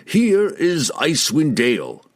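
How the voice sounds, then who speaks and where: A man reading aloud, voicing an old male wizard who speaks slowly and ominously. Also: fairly high pitch, wildly swooping pitch, pitched above the performer's own voice, full character voice. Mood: grave. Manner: slow, measured, ominous delivery.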